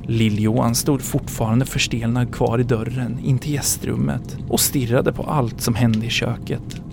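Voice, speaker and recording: A man hosting a podcast, narrating a story in a measured dramatic manner. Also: mid-range voice, fairly even intonation, vocal fry.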